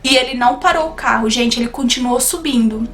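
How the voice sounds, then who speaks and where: A young woman with a high, bright voice tells a personal story to her channel. She is animated and chatty, and she keeps turning to her viewers as she talks. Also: a little fast. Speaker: YouTuber. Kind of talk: storytime vlog.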